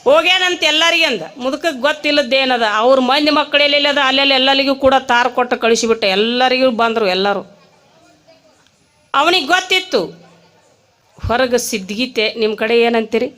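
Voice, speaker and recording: A woman's voice: sits high, normal speed, pushed and bright. A woman preacher with a North Karnataka accent, telling a comic story in a sermon and animating each character. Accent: North Karnataka Kannada.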